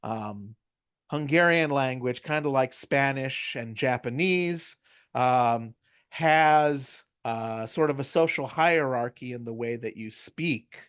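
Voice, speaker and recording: Slow and clean-toned, with a medium, slightly bright voice, a middle-aged university lecturer from the United States speaks with a Californian accent. He gives a relaxed conversational lecture, regularly checking in through "you know" and "right?", with no room sound.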